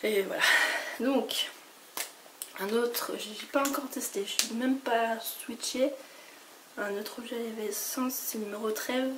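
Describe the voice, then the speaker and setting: A woman from France with a sick, hoarse voice, chatting casually through a makeup haul and rambling with lots of fillers and restarts. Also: on the high side, fairly even intonation, a little slow. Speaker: beauty vlogger. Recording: noisy home recording.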